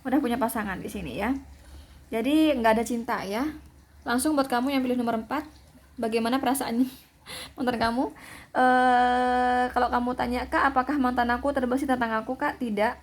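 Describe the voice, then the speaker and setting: A woman's voice: fairly high pitch, steady tone, a little fast. A woman giving a casual tarot reading to her viewers, chatty and repetitive, full of filler words. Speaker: tarot reader.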